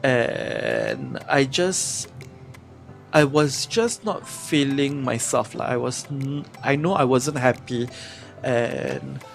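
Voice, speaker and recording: A man co-hosting a podcast, talking casually and reflectively about his writing, often pausing with fillers as he searches for words. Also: medium pitch, very animated, creaky, faint music behind. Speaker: podcast co-host, playwright.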